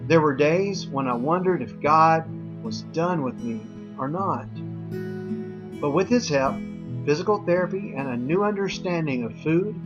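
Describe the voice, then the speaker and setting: A man's voice: fairly high pitch, expressive, measured pace, dull audio, music in the background. A man presenting a scripted infomercial as a wellness coach, speaking directly to viewers in an earnest, folksy way with a personal testimonial tone.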